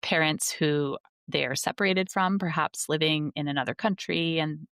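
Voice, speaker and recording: A woman's voice: low voice, normal speed, a bit bright. A woman school librarian talking earnestly in a casual conversation, with many fillers and restarts. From United States.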